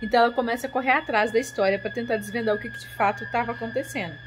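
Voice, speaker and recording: A woman's voice: fairly high pitch, steady tone, rapid-fire, noisy background. A woman casually talking her viewers through a horror film, chatty and direct, often checking in with them. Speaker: YouTuber reviewing a horror film. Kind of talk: casual film commentary vlog.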